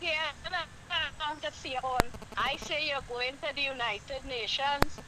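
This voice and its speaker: A woman's voice: high-pitched, normal speed. A Trinidadian woman calling in to a radio show over a breaking-up phone line, teasing and blunt. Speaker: caller. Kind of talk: radio call-in. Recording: loud line noise, distant phone caller.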